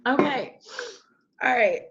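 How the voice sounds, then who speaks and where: A woman's voice: sits high, animated, takes it slowly, vocal fry, a bit bright, muffled recording. A woman coaching her team on a casual video call, chatty and full of "like" and little asides to the group.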